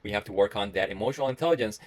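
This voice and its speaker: A Costa Rican medical resident in his thirties, speaking with a Costa Rican Spanish accent in a lowish voice, gives a solo reflective talk to camera. He's earnest but rambling, pausing and restarting often.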